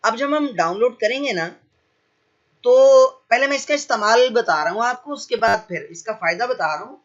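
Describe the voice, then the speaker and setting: Male computer teacher, high-ish voice, patient step-by-step explainer, muffled lo-fi recording. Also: lively intonation, normal speed, a bit bright. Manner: explains step by step, often says "acha ji". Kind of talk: screen-share tutorial.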